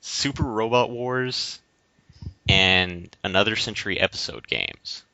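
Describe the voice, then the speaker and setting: On a podcast he co-hosts, this American man lays out his views casually but haltingly, circling around his points. He speaks unhurriedly in a lowish, gravelly voice with a sharp edge, over dull lo-fi audio with slight background noise.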